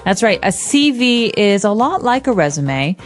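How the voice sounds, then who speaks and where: Clear-explaining woman English teacher. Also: medium pitch, very animated, moderate pace, faint music behind. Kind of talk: language lesson podcast.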